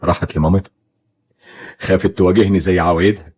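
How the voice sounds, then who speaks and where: A man's voice: low-pitched, fairly even intonation, fast talker, darkish tone, husky. An actor playing a bitter, fearful father who accuses his wife, with an Egyptian Arabic accent, in an old film drama.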